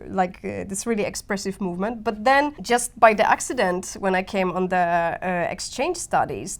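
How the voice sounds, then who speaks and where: A woman in her thirties speaks English with a Polish accent, chatting casually as a guest artist. Her delivery is animated and searching, full of "uh", "like" and restarts. Her voice sits at an ordinary middle pitch. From Poland. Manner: animated, frequent fillers and restarts, laughs easily. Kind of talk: casual interview chat.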